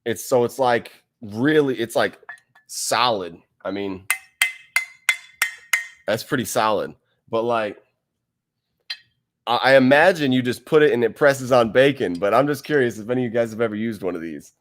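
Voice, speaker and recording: This man speaks at a medium pitch and moderate pace, with long pauses, while casually hosting a livestream from home. Close to a desk mic in a wide room, he reads viewer comments, rambling and laughing often in a laid-back way.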